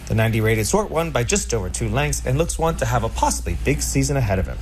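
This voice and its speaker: A man's voice: mid-range voice, sing-song, quick pace. A man presenting a scripted recap of horse racing results as a show narrator. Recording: music bed behind the voice. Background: music.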